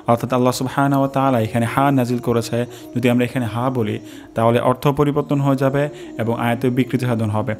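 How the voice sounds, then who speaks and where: A man's voice: medium pitch, steady tone, a little mellow, faint music behind. Patient man teaching careful pronunciation. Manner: slow, careful, repeats sounds to demonstrate. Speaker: Quran recitation teacher. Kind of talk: step-by-step pronunciation lesson.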